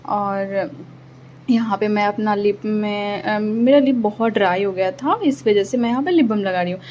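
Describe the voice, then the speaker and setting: A woman's voice: mid-range voice, normal speed, a little mellow, a little hiss or hum. A young adult woman chatting casually through a vlog, explaining each step as she does her makeup. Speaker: vlogger mother.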